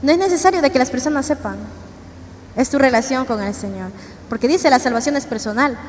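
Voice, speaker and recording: Woman preacher, high voice, earnest and conversational, church hall reverb. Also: brisk. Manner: earnest, conversational, asks the congregation questions. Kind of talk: sermon testimony. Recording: church hall reverb, faint ambient noise.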